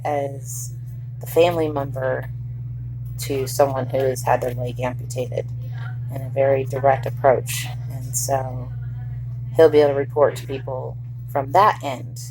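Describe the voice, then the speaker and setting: Low-pitched woman chatting after surgery. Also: flat delivery, unhurried, a little mellow, slight background noise, poor audio. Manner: candid, rambling, lightly humorous. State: recovering hours after surgery. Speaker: patient recording a personal video diary. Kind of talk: casual chat to camera. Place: hospital room, in bed.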